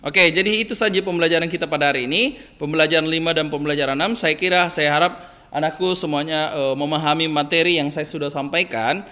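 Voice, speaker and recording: A man teaching a primary class remotely, his voice bright and slightly high. He talks in a halting way, full of fillers, and gently admonishes his pupils. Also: steady tone. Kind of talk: recorded online class lesson.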